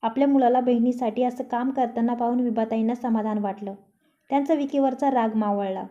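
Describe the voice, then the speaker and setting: A woman narrating a story aloud in a steady, even reading voice. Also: fairly high pitch, brisk. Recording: dull lo-fi recording.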